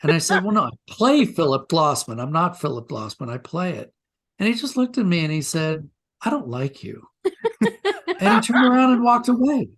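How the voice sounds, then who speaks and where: Slightly high and a bit bright, this older man's American-accented voice has a sing-song lilt at a moderate pace. As an interview guest, he shares anecdotes conversationally, sounding reflective and self-deprecating.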